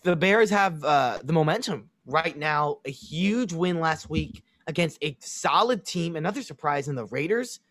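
A man's voice: a little high, animated, normal speed, few pauses, fairly bright tone, dry recording. A man with a Chicago accent co-hosting a casual sports podcast, confidently analyzing teams and making predictions. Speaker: podcast co-host.

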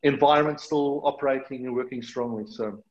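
As a guest in a conversational interview, a middle-aged South African charity partnership manager speaks earnestly and fairly quickly at medium pitch, with plenty of fillers and restarts. The recording is muffled, with crowd noise behind him.

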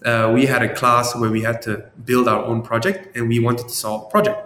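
A Malaysian man in his thirties, a startup founder and CEO appearing as a guest, answers interview questions thoughtfully, using lots of fillers and tag questions. His voice is fairly quick, pushed and bright, with little movement in pitch. The room is echoey with a long reverb and a faint rumble underneath.

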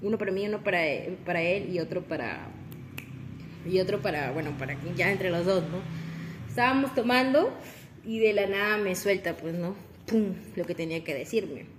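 A woman's voice: on the low side, moderate pace, a little hiss or hum. Young woman, podcast co-host, casual gossip storyteller, chatty and giggly. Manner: chatty, laughs often, rambling with restarts.

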